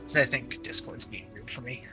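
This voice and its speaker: A man's voice: medium pitch, moderate pace, music in the background. A man leading a game raid over voice chat, explaining patiently and restarting phrases, while his bad connection makes his voice drop out. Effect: voice chat cutting out from a bad connection. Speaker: raid leader. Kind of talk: casual voice chat instruction.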